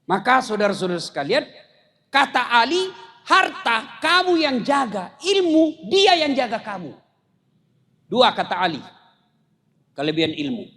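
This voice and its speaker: A man's voice: very high voice, a little slow, pauses often. A middle-aged man, giving a humorous sermon full of stories and jokes and talking straight to the crowd. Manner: storytelling with jokes, lively asides to audience. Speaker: preacher.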